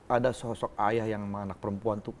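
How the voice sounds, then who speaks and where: A middle-aged man hosting a casual chat, talking in a relaxed, fatherly, slangy way. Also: fairly low pitch, quick pace. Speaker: host, father of a teenage daughter.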